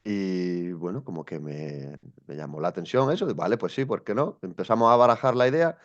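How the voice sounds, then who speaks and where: A young Spanish man, an education coach, tells his story as an interview guest, thoughtful and hesitant, restarting often. He speaks a little fast in a low, expressive voice, and the recording is muffled.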